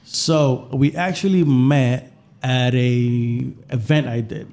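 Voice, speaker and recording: Slow and darkish in tone, the mid-range voice of a Puerto Rican guest chef keeps a fairly even intonation. He chats informally on a podcast about his own experiences, often repeating phrases.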